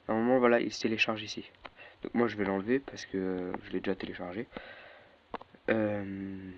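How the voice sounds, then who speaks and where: Hesitant young man, lo-fi tutorial mic. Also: fairly low pitch. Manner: hesitant, many fillers and self-corrections. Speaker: tutorial maker. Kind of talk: casual screen-recorded tutorial. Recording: dull lo-fi mic with faint noise.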